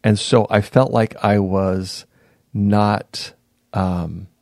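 A man in his fifties, a podcast guest, reflectively recounting his past in a casual interview, pausing and restarting sentences. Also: lowish voice, steady tone, darkish tone, no echo, clean studio sound. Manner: reflective, unhurried, often pauses and restarts mid-sentence.

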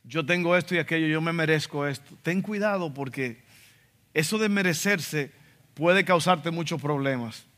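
On the high side and fairly bright in tone, this man speaks at normal speed while preaching a sermon as a pastor. He comes from the Dominican Republic, has a Dominican accent, and is emphatic, acting out quotes in asides. The church sanctuary makes the recording reverberant.

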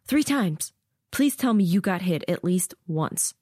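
A woman's voice: fairly low pitch, expressive, unhurried, a little mellow, dry recording, clean studio sound. Woman doing a bitter grumbling young recruit. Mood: resentful. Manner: hissing, grumbling.

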